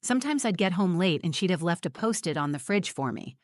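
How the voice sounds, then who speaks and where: A woman in her forties giving a measured, reflective first-person narration of a scripted story. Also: fairly low pitch, sing-song, dry recording, studio quality.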